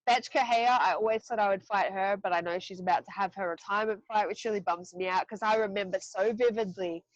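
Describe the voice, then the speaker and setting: A woman's voice: mid-range voice, a little fast, no room sound, lo-fi sound. Candid, casual woman in her thirties. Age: 30s. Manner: candid, frequent swearing and laughing asides. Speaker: podcast guest, fighter. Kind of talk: casual interview chat.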